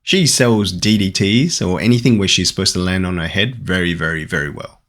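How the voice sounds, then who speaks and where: An Australian man chatting casually while opening trading card packs, rambling and getting excited at good pulls. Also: sits low, fairly quick. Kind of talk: casual unboxing commentary.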